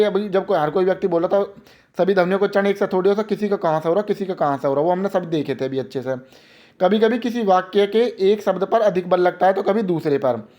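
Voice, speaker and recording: A young man teaching an exam-prep grammar lesson, asking questions and answering them himself, and slowly repeating example words. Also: high-pitched, a little mellow.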